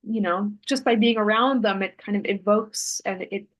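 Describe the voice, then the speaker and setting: A woman guest talks in a relaxed, conversational way, wandering through her story. Her voice sits at an ordinary middle pitch. She stops to correct herself and fills the pauses. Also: rough recording. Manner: thoughtful, meandering, with fillers and self-corrections. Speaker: interview guest, artist and Human Design author.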